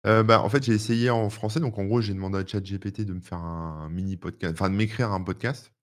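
Very deep-voiced rambling man. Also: steady tone, fast talker. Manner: rambling, filler-heavy. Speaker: podcast co-host. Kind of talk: casual tech chat.

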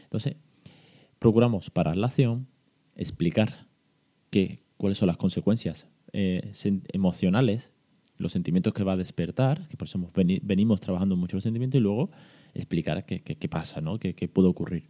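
Deep dark-voiced podcast dad. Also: male voice, a little fast. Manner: chatty, frequent restarts and fillers, explains patiently. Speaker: parenting podcast host. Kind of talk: casual reflective monologue.

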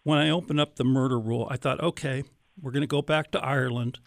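A man hosting a radio interview, conversational, with halting, thoughtful phrasing. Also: mid-range voice, steady tone, gravelly, no room sound, clean studio sound. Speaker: radio show host.

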